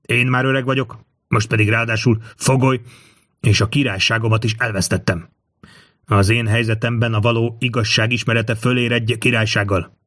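A man's voice: medium pitch, flat delivery, fairly bright tone, dry recording, lightly acted. A man voicing a proud, suspicious old king held captive, commanding and scornful by turns, in a dry close recording. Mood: pleading. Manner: commanding, scornful then pleading. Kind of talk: audiobook character reading.

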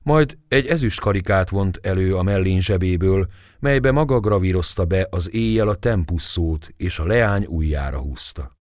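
A man reading a classic novel aloud as scripted narration, with expressive storytelling. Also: deep voice, dry recording, clean studio sound. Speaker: audiobook reader.

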